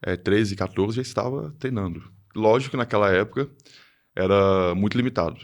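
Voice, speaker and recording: A man's voice: on the low side, brisk. A man, a podcast guest telling his story in casual chat, hesitant with many fillers and restarts. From Minas Gerais, Brazil.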